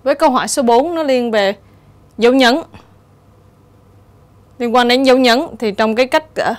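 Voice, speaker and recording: Woman, young adult, teacher, exam-prep lesson, steady explanations, slightly high voice. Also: normal speed. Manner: steady explanatory teaching, reading options aloud. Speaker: English teacher.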